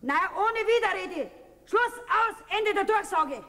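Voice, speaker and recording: A scolding, indignant Bavarian farm wife and mother, her voice very high. It is a folk stage comedy heard from far off in a hall, with a long echo trailing her words. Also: animated, a little slow, very noisy, full character voice. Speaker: stage actor. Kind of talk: folk theater comedy acting.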